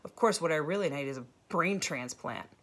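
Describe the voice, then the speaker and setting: A woman voicing a shy, nervous country boy who stammers and talks haltingly. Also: deep voice, lively intonation.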